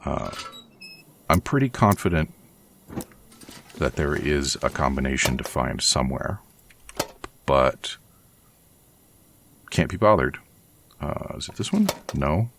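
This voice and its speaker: A man with a very deep, gravelly voice chats his way through a survival game as host of his own let's play. He rambles and pokes fun at himself as he plays. A faint hiss sits under the recording. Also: lively intonation, slow pace, pauses often, fairly bright tone. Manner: chatty, rambling, self-deprecating. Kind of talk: casual game commentary.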